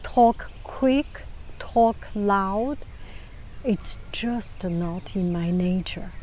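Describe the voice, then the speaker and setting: There's a faint hiss or hum as a Chinese-accented vlogger shares calm, casual advice to the camera. Her voice is soft and low, she takes her time, restarts phrases many times, and at points sinks into a whisper.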